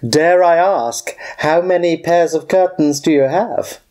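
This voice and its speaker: A woman's voice: low voice, measured pace, a little mellow. A performer voicing a woman parody news anchor, presenting a mock-serious local bulletin. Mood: polite interviewing.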